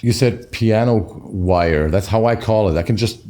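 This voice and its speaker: A man with a hoarse, strained, nearly lost voice, hosting an interview in an upbeat presenter style. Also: lowish voice, moderate pace, mellow. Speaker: host.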